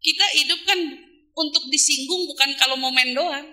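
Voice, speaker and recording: An Islamic preacher gives a casual religious talk to women in a high, bright, forceful voice at a moderate pace. She poses rhetorical questions and answers them herself, drawing out single words for emphasis.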